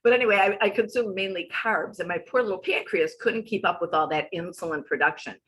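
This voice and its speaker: A woman's voice: on the low side, brisk, a bit bright, poor audio. A woman in her sixties, a wellness coach giving a casual, chatty talk over slides that wanders off on tangents and back. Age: 60s.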